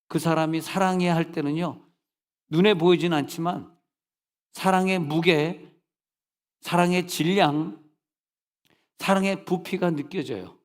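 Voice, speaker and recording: A man in his forties, a pastor giving a chatty, playful sermon with acted quotes and shouted hallelujahs. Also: a little high, steady tone, unhurried, pauses often, long reverb tail. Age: 40s.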